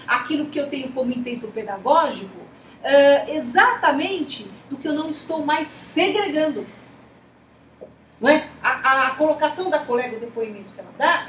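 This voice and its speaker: A Brazilian Portuguese-accented woman lectures a class with a high voice, often pausing on rhetorical "isn't it?" questions. She is recorded from a distance in an echoey room, with faint noise behind her. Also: fairly bright tone. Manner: talkative, repeats rhetorical questions. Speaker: teacher.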